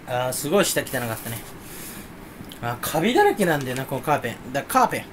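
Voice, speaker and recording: A young man in a casual solo vlog, rambling and self-mocking, sometimes mimicking others in a higher voice. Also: very animated, fast talker, background noise. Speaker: vlogger. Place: room indoors.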